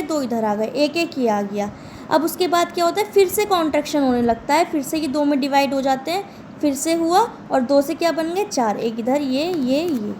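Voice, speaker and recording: A woman's voice: sits high, a little mellow, slight background noise. A woman teaching a class who keeps asking her students questions and answering them herself. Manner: repeats questions back to students. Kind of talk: lecture.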